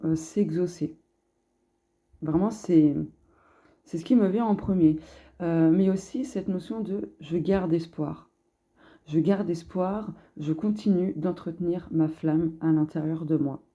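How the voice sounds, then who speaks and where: Woman, card reader, casual guidance talk, somewhat low voice, deeply warm and mellow tone, hesitant with lots of fillers. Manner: hesitant, with many filler sounds; chatty and upbeat, thinking aloud. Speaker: card reader giving a collective astrology guidance. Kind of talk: casual spoken card reading.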